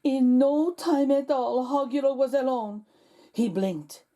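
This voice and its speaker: A woman hosts a reading of a children's picture book, lending it theatrical, suspenseful emphasis. Her voice is high-pitched yet dark in tone, and she reads slowly.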